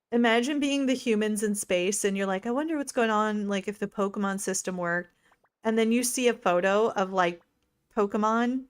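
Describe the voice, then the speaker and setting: A woman streamer giving excitable, gushing let's-play commentary, full of "like" fillers. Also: medium pitch, smooth. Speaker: gaming streamer.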